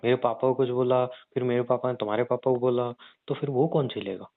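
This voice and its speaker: Over a narrowband phone line that sounds tinny, a young adult man speaks a little fast with a mid-range, fairly even voice. The relationship call is casual and bantering, and he comes across as slangy, crude and pushy.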